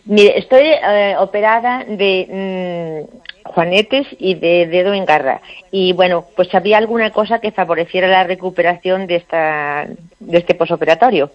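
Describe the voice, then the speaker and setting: A woman calling in to a live radio health show, heard over the phone. She speaks politely and answers with short, quick agreements. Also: lowish voice. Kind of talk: polite casual chat. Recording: muffled phone line.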